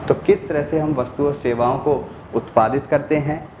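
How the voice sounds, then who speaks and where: A man's voice: a little high, steady tone, normal speed, reverberant, noisy background. A male teacher giving a lecture, explaining step by step, repeating key words and answering his own questions. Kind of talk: classroom lecture.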